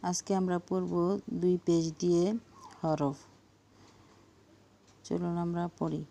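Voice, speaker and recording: A woman leads a slow recitation lesson for beginners, naming each letter before sounding it out. Her voice is low and mellow, with very little rise or fall, and she takes her time over every syllable. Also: completely flat delivery, gravelly. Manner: spells each letter then says the sound, drawn out and careful. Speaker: Arabic reading teacher.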